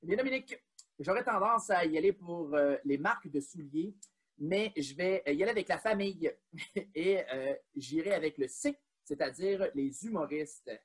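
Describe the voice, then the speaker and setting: A man co-hosts a quiz in a loose, chatty way, counting down and filling gaps with small hesitations. His voice sits slightly high and has a husky edge. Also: animated, moderate pace. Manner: counts down, chatty with many fillers. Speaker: quiz co-host. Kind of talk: casual quiz co-hosting.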